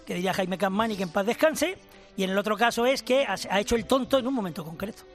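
Older man, high-pitched, emphatic professorial radio guest, faint music under. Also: expressive, fast. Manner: emphatic, explanatory, addresses host formally. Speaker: language professor and author.

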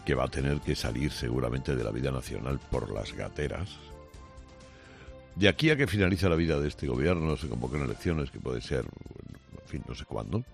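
A male radio host delivering a combative, sarcastic opinion monologue a studio, with many pauses and restarts. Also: rumbling low, expressive, gravelly, faint music behind.

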